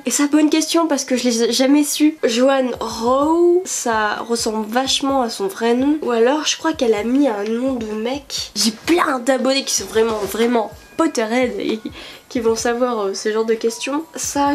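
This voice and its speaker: A French woman thinking aloud through a quiz, chatty and often hesitating over her guesses. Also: a little high. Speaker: YouTuber doing a quiz. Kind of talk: casual quiz commentary.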